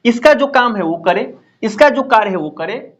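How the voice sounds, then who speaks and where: A man's voice: extremely high pitch, animated, normal speed, fairly bright tone. A man teaching an exam-prep lecture. He explains step by step, repeats key terms and keeps checking in with "है ना?".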